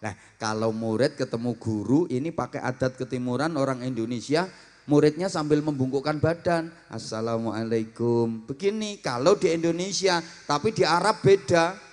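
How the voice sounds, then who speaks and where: A man's voice: on the high side, moderate pace. A man giving a humorous sermon, acting out different greetings and teasing his listeners. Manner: lively, acts out greetings in many voices, teasing the audience. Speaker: preacher. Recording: long hall reverb.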